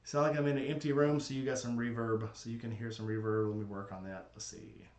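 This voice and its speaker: A man's voice: medium pitch, fast, slight background noise. A man hosting a casual livestream, chatting loosely with viewers while testing his gear, his voice carrying an echoey empty-room reverb from a desk mic in a home studio. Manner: relaxed, rambling, chatty with viewers. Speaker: livestream host. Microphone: desk microphone. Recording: roomy reverb on the voice.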